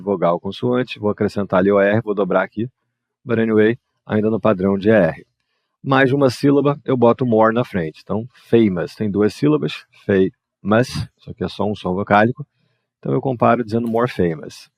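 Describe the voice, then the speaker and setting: Guy teaching english grammar, lowish voice, dry close sound, reads examples out slow. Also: darkish tone, no room sound. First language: Portuguese. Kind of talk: explaining grammar exercises.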